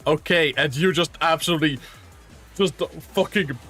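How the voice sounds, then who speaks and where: A man's voice: a little high, moderate pace, pushed and bright, soft background music. A man acting as game master who narrates a tabletop game in a casual, rambling way and swears lightly now and then.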